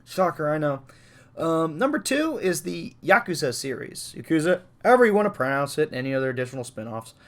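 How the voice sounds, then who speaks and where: A young man co-hosts a podcast in casual chat, his voice fairly high, sing-song, and a little fast. He rambles and laughs, sometimes hiccuping, and trails off into asides.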